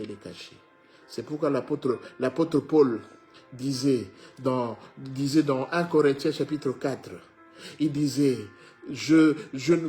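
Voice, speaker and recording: A man preaching a sermon, swinging from loud exhortation to low hushed phrases, often repeating words and addressing listeners as beloved. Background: faint music.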